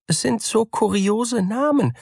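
A man's voice: sits high, lively intonation, a little slow, vocal fry, darkish tone, breathy edge, no echo, studio quality, voice pushed up, heavily acted. A man voicing a poor, trusting female mouse in a fairy tale, fretful and easily puzzled.

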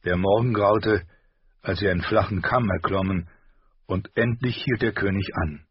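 A man reading a fantasy audiobook with expressive storytelling. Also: low-pitched, normal speed, husky, no echo, highs cut off. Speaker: audiobook narrator. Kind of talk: scripted fantasy audiobook narration.

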